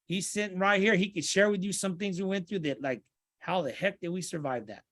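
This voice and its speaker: An earnest middle-aged man talks through his life story as a podcast guest. His voice sits a bit high, and the dry, close recording has no room sound. He restarts and repeats phrases as he finds his words. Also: brisk, fairly bright tone, no echo. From Santa Ana, California. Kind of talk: podcast interview conversation.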